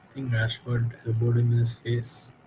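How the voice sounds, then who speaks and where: A man's voice: mid-range voice, completely flat delivery, normal speed, noisy background. A tired man hosting a late-night football watchalong, giving frustrated, critical reactions to the game as it happens. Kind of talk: live match commentary and reaction.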